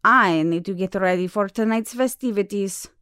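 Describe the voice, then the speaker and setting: A woman playing a cool, shrewd shapeshifter pack leader in an audio drama, measured, confident and teasing. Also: medium pitch, a bit bright, clear, resonant tone, no room sound, clean studio sound, close to an everyday voice.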